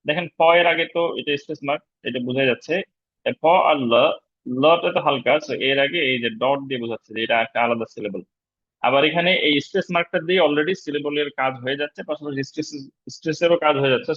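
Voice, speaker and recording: Male teacher, online class, explanatory and unhurried, dull dry sound. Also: medium pitch, no room sound. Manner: relaxed, explanatory, frequent fillers. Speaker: English teacher. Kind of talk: online lecture on pronunciation. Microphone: video call.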